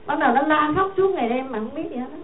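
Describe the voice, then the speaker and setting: A woman's voice: high-pitched, animated, rapid-fire, slight background noise. A woman with a Southern Vietnamese accent tells a Buddhist moral tale to listeners in a rambling, repetitive, conversational way. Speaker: storyteller addressing listeners. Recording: tinny phone-like sound in an echoey room.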